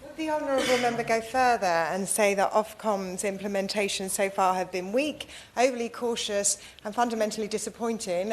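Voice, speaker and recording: Pointed woman challenging in parliament. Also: medium pitch. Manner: pointed, critical. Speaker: member of parliament. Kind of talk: formal debate intervention. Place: parliamentary debating chamber. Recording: faint background noise.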